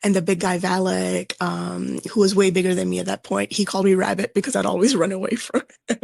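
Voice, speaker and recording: A woman from Singapore, a guest in a casual interview, telling stories in an animated way with lots of "like" fillers. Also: mid-range voice, brisk, vocal fry, no echo. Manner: animated storyteller, frequent "like" fillers. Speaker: guest, game player.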